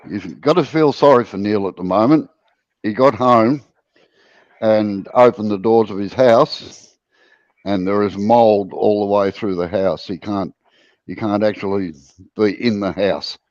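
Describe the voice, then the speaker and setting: With a lowish, dark-toned voice and an unhurried pace, this Australian man drawls through casual chat with viewers and a co-host on his woodturning livestream, a little out of breath. The sound is dry and lo-fi.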